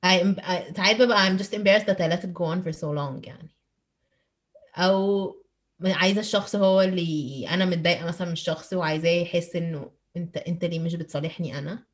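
A woman's voice: on the low side, fairly even intonation, quick pace. A woman with an Egyptian accent who switches between Arabic and English mid-sentence, posing questions in a casual, reflective discussion. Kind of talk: casual reflective group chat.

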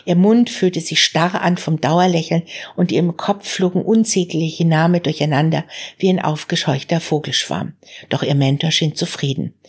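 A woman author giving a calm, measured reading of her novel. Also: low-pitched, breathy edge. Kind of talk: literary reading on stage.

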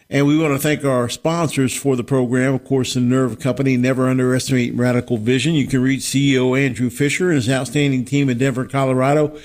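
A man's voice: medium pitch, darkish tone. A man hosting a sports radio show, addressing listeners and reading sponsor messages.

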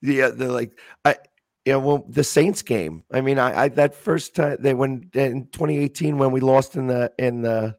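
A man's voice: mid-range voice, moderate pace, darkish tone, dry recording. A talkative man in casual chat as a sports-fan guest, rambling with many restarts.

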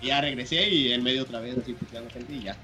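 A young man with a Mexican accent telling a story to friends in casual, slangy chat, excited and swearing freely. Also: mid-range voice, quick pace. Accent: Mexican Spanish.

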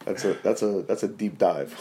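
Young man, casual chat, laughs a lot, swears, lowish voice. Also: normal speed. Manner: laughs often, swears, animated storytelling.

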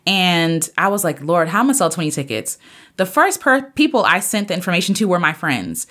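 A woman in her thirties hosting a podcast, talking earnestly and preachily in a casual motivational monologue, with sudden jumps up in pitch. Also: fairly bright tone. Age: 30s. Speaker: podcast host and singer.

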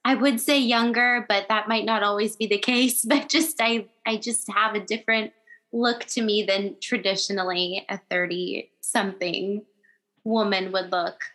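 A woman's voice: mid-range voice, steady tone, a little slow, fairly bright tone, rough recording. A woman in her thirties hosting a podcast, chatting earnestly and laughing often. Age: 30s. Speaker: podcast host. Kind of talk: casual chat.

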